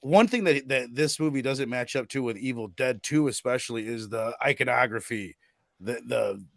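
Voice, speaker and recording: A young man hosting a casual horror movie review podcast, animated and often acting out lines from the film. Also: medium pitch, moderate pace, gravelly, dry recording, studio quality. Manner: animated, acts out movie lines in exaggerated voices. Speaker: podcast host.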